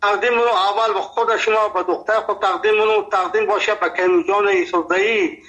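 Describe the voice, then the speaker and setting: Older guy calling a radio show, high bright voice, rambles, recites little verses. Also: steady tone, poor audio. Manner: recites folk verse, talks plainly and rambles. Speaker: caller. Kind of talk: phone call into a radio show.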